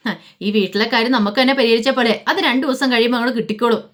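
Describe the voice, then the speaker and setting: A woman's voice: fairly high pitch, very fast, fairly bright tone, natural voice. A woman voicing a stubborn middle-aged man in a retold family drama, speaking in a dismissive way.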